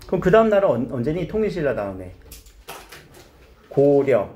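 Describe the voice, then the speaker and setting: A man teaching a high school grammar lesson, asking his students questions, coaxing answers and repeating key terms. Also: big pitch swings, moderate pace, dark tone, muffled recording.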